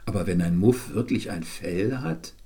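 A man's voice: sits low, normal speed, mellow, breathy edge. A man voicing a curious, stubborn little girl, the younger sister, in a bedtime story reading. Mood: insistent.

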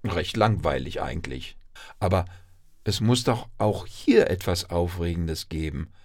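A man's voice: lively intonation, measured pace, a little mellow, heavily acted. A man voicing a chirpy, boastful female town mouse in a piping voice. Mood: huffy. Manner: squeaky, piping.

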